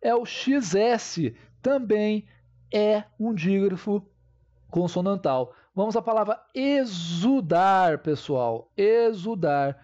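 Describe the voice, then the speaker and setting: A man's voice: high voice, expressive, slow, a little mellow, dull audio. A man teaching a grammar lesson, explaining step by step and checking in with his viewers.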